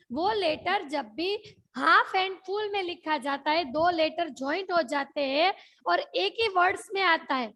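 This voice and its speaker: A young Gujarati-accented woman with an extremely high, fairly bright voice teaches an online class. She uses English words here and there and repeats her questions to confirm the children understand.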